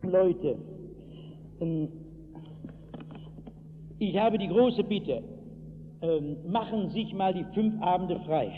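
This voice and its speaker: High-voiced preaching man, tinny echoey tape. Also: slow, long pauses. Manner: vivid storyteller who acts out dialogue and shouts at dramatic peaks. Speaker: pastor. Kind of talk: evangelistic sermon. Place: large hall. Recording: tinny, noisy, echoey old hall recording.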